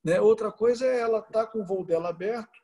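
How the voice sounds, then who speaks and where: A man's voice: sits high, fairly quick, mellow. A man speaking as a guest on a video call, answering questions with many hesitations and restarts. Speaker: tourism association president, guest speaker. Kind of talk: answering questions in an online talk.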